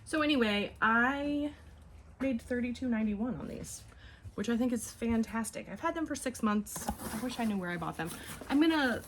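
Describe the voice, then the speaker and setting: A woman's voice: a little high, animated, moderate pace, a little hiss or hum. A woman in her forties chatting casually at home while packing orders, rambling and often trailing off mid-thought. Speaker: online clothing reseller.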